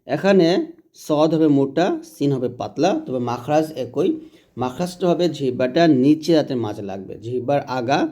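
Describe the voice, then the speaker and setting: A man teaching Quranic letter pronunciation in a patient, repetitive way, drawing out each sound slowly to demonstrate it. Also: a little high, warm tone. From Bangladesh. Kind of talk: recitation lesson.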